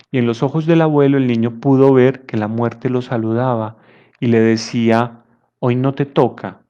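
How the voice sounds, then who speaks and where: A male psychologist gives a conference talk, conversational and unhurried, repeating words as he searches for them. His voice sits in a plain middle range. He shifts easily into storytelling. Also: mid-range voice, a little mellow, highs cut off. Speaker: psychologist giving a lecture.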